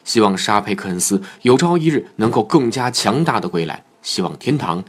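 A man with a somewhat low voice narrates from a script as the host of a football show. He tells his story in a solemn, measured way. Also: lively intonation.

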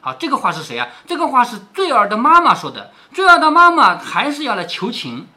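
A man reading a classic novel aloud to his daughter, pausing to explain and asking rhetorical questions. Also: extremely high pitch, wildly swooping pitch, pushed and bright. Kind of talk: storytelling with explanations.

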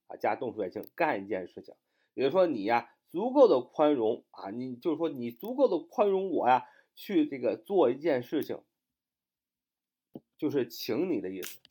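A male English teacher explains a sentence pattern at length, often stopping to spell words letter by letter. His voice is mellow and dark, while his pitch rises and falls a lot. He reads his English examples slowly and adds plenty of fillers. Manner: frequent fillers, explanatory and repetitive. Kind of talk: recorded grammar lesson.

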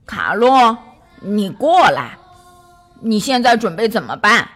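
A woman's voice: mid-range voice, big pitch swings, slow pace, fairly bright tone, faint music behind, exaggerated voice. A woman voicing a serious, fatherly male creature who speaks in a firm, earnest, encouraging way.

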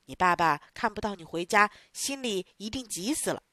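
A woman voicing a scary, gruff, bearded male theatre boss in a storybook reading, talking lower and commanding. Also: animated, moderate pace, dry recording, studio quality, natural voice. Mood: softened.

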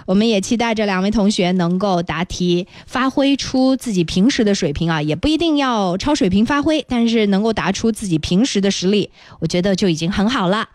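A woman hosting a children's radio quiz, explaining things clearly and encouragingly. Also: medium pitch, animated, brisk, few pauses, a little mellow, no room sound, studio quality. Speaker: quiz show host. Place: radio studio.

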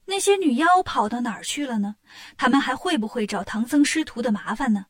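A woman storyteller narrates a children's tale with lively expression. Her voice sits high and the recording is dry and close. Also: fairly quick, no echo.

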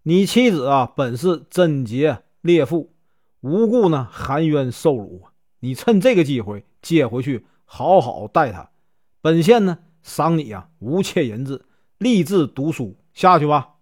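A man's voice: on the high side, big pitch swings, measured pace, darkish tone. A man doing a stern county magistrate. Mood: commanding. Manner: scolding, commanding.

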